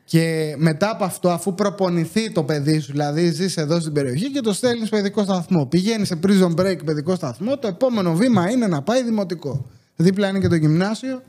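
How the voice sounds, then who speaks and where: A man, hosting a podcast and telling stories in a casual, animated way. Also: high-pitched. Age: 30s. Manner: animated storytelling with acted-out quotes. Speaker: podcast host. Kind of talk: casual chat.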